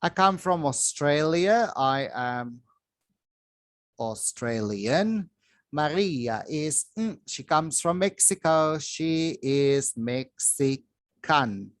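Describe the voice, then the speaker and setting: Slow, deliberate male English teacher. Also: on the high side, lively intonation, no room sound. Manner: slow, drawn-out reading with pauses. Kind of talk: slow worksheet walkthrough for children. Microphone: phone filming a worksheet from above.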